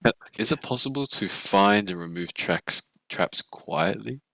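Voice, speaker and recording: Slow, gravelly man playing a tabletop game. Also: fairly low pitch, lively intonation, pushed and bright, no echo. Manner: halting, describes hand signals. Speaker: player. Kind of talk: casual game chat.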